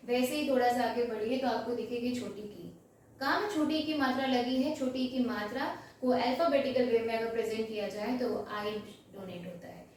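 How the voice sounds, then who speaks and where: A woman's voice: on the high side, fairly even intonation, normal speed, darkish tone, a little hiss or hum. Echoey, far-off woman teaching at a board. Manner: explains step by step, asks and answers own questions. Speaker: English teacher. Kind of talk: classroom lesson at a board. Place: classroom with a board.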